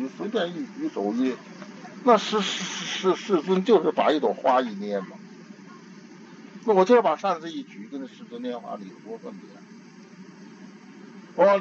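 Lively older teacher. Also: male voice, fairly high pitch, gravelly. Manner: homely and conversational, repeats and restarts words. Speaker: Buddhist teacher. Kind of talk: informal dharma talk. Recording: dull lo-fi archival tape with faint hiss.

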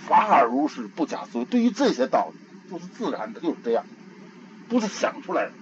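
An older man giving an informal Buddhist dharma talk, in a homely conversational way, often repeating and restarting his words. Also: mid-range voice. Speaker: Buddhist teacher. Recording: dull lo-fi archival tape with faint hiss.

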